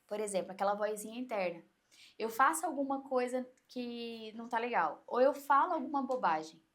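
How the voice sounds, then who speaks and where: A woman coach with a Brazilian Portuguese accent, explaining in an animated way on an interview podcast and acting out inner voices. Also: on the high side, a little fast.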